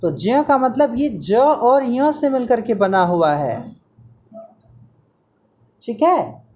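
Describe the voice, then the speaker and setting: A man's voice: very high-pitched, big pitch swings, takes it slowly, darkish tone. A man teaching Hindi pronunciation to a student one-on-one, patiently repeating sounds and correcting mistakes.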